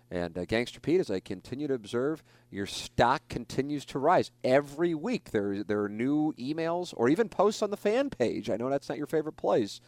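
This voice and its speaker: A man with a lowish voice hosts a talk show, rambling through his thoughts with plenty of restarts and fillers. He is recorded close and dry, with no room sound. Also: darkish tone, no room sound. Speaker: radio show host. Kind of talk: casual talk show chat.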